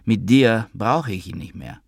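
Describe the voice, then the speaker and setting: A man voicing a troubled, world-weary young woman in an audiobook, speaking softly and subdued. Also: on the low side, a little slow, gravelly, dry recording, studio quality. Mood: bitter.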